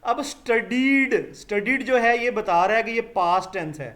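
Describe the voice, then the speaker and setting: High-voiced male teacher, patient and repetitive. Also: a bit bright. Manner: addresses students as beta, explains patiently, repeats sounds slowly. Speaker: English teacher. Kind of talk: live online lecture.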